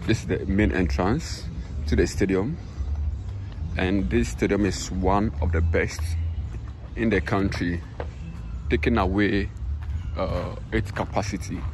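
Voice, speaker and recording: A Ghanaian sports channel host with a low-pitched voice gives an informal walking commentary for sports viewers outdoors across open stadium grounds and a car park. He keeps checking in with "you understand," speaking a little slowly with fairly even intonation and long pauses. The handheld recording has very heavy background noise.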